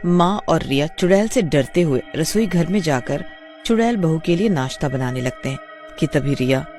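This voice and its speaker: A man giving scripted narration of a cartoon horror story in a steady storytelling manner. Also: on the high side, normal speed, faint music behind.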